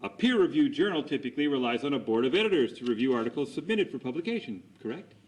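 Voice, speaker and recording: A man's voice: medium pitch, sing-song, fast, poor audio. A man conducting a cross examination as an attorney, putting formal, methodical leading questions and seeking agreement after each statement.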